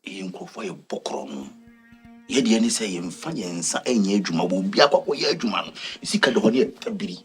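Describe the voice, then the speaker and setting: Man acting a low-voiced, rapid Ghanaian comedy character. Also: animated, faint music behind, natural voice. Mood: matter-of-fact. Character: fast-talking comic man in a Ghanaian skit.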